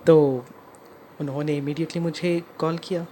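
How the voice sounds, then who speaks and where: An Indian vlogger narrates a personal customer grievance at normal speed, mixing in English phrases. The mid-range voice is warm with fairly even intonation, and background noise is clear.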